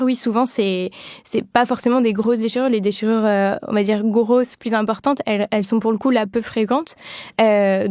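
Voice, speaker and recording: A woman's voice: a little high, darkish tone, clear, resonant tone, no room sound, studio quality. A woman midwife explaining things in a podcast interview, with many fillers and restarts.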